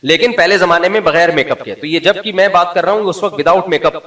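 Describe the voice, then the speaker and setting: Man, Islamic scholar's lecture, animated storytelling, reverberant room, distant mic. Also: sits high, fairly quick. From Pakistan. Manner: animated storytelling, mimics the people he quotes. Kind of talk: humorous religious lecture. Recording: roomy sound, voice a little off-mic.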